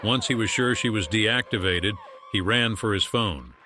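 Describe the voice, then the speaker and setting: A man narrating a science fiction audiobook in a measured storytelling delivery, over music. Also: fairly low pitch, noisy background. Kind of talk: scripted narration.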